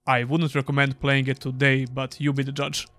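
A man's voice: mid-range voice, completely flat delivery, moderate pace, noisy background. A young man giving a scripted, dryly sarcastic voice-over review of an old game. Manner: dry, sarcastic. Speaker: gaming YouTuber.

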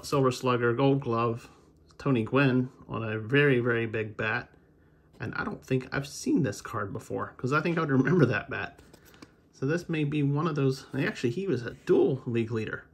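A husky, mid-range male voice belongs to an American baseball card collector who hosts videos. As he opens packs he talks informally and unscripted, rambling a touch in the thinking-aloud style of a hobby host.

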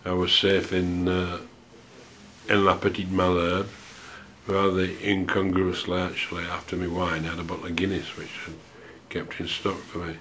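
A man in his sixties telling a personal memory, unhurried and hesitant, with a dry, wry humour. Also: low-pitched, little pitch movement, fairly bright tone. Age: 60s. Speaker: storyteller recalling a student memory. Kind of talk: unscripted spoken memoir. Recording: dull lo-fi home recording.

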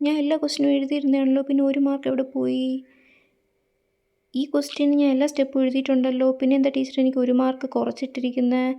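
Woman, gravelly voice, comic classroom sketch, quick character switches. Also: sits high, monotone, mellow, muffled recording. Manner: plays every student in turn, quick shifts of voice. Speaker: comedy sketch creator.

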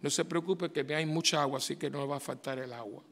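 A man, a priest giving a homily in a conversational way, full of rhetorical questions and sudden loud outbursts. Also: on the high side, fairly even intonation, fairly quick, creaky, a little hiss or hum. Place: church. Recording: reverberant church hall.

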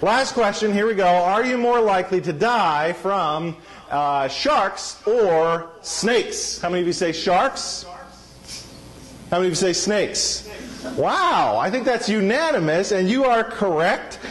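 A man's voice: high-pitched, animated, measured pace, fairly bright tone. A man preaching a sermon in a church, joking and quizzing the congregation. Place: church sanctuary.

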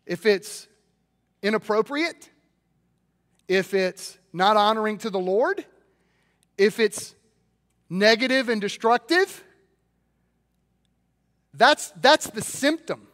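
A man from Mississippi with a Southern accent preaching a sermon to a room and an online audience, switching between loud, lively calls and hushed, quiet lines. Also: high voice, slow, pauses often. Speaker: pastor. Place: large church hall. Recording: long reverb of a large hall.

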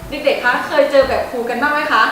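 A woman teacher giving a playful vocabulary lesson for children, acting out little skits and spelling words slowly. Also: sits high, fairly even intonation, pushed and bright. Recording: echoey, recorded from a distance, faint music.

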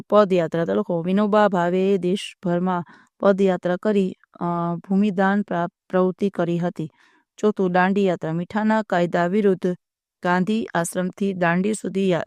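Flat, smooth-voiced teacher dictating answers. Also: mid-range voice, moderate pace, no room sound. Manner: steady dictation, reading word pairs in lists. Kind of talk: dictating workbook answers in a video lesson.

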